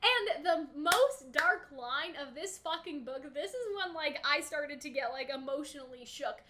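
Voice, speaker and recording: A woman hosting a casual book discussion, talking animatedly and swearing freely. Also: high-pitched. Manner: animated, swears, quick asides. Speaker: host.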